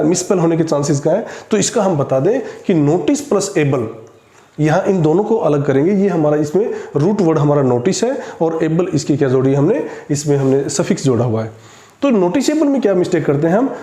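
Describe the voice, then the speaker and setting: A man teaching an English spelling lesson, spelling words out slowly letter by letter. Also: fairly high pitch, mellow. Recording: echoey room.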